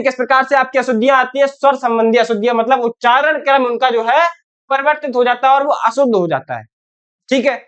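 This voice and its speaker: A woman's voice: a little high, clear, resonant tone. A woman teaching a Hindi spelling lesson to ninth graders. She keeps asking her pupils questions, says "theek hai" again and again, and calls them "beta". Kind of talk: online class lesson for 9th graders.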